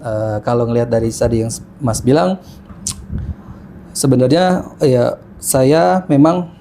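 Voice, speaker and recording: A man in his thirties talks through his life story as a podcast guest, stopping often on fillers and restarting his sentences. His voice is mellow and warm. A faint hiss sits under the recording. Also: mid-range voice, steady tone, measured pace. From Jakarta, Indonesia. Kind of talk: casual interview chat. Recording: faint background noise.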